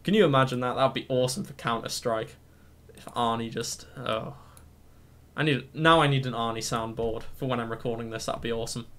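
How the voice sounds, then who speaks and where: A man's voice: medium pitch, steady tone, a little fast, a bit bright. A man hosting a coding tutorial, hyper from energy drinks and rambling along, mocking himself as he goes. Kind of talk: rambling screen-recorded tutorial chat.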